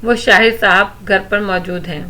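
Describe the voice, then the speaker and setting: A woman's voice: medium pitch, sharp tone, natural voice. A woman voicing a mischievous, teasing young best friend in a read-aloud novel.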